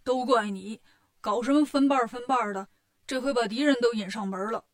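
A woman's voice: on the high side, fairly quick, natural voice. A woman voicing a bossy, fretful male demon king who grumbles and complains in a storybook tale. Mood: grumbling.

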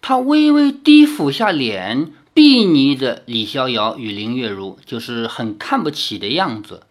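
A lively storyteller reading a novel aloud in a mid-range voice that rises and falls a great deal. The reading is broken up by casual asides that explain the text. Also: mid-range voice, a little slow. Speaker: novel reader.

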